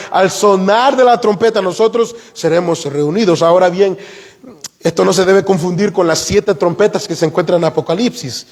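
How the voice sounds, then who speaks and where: A man's voice: sits high, darkish tone. A man preaching an expository sermon. He is emphatic, rises for key points and puts rhetorical questions to the congregation. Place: church sanctuary. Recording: long hall reverb.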